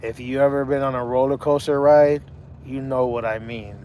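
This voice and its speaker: Laid-back forty-year-old man, flat voice. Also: medium pitch, normal speed, dull audio, background noise. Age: 40s. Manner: laid-back, talks to chat viewers by name. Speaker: livestream host. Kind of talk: casual live chat.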